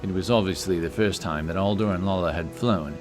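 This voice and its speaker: A man with a very low voice briskly narrates a fantasy tale in scripted audiobook style, with clear music playing behind him throughout.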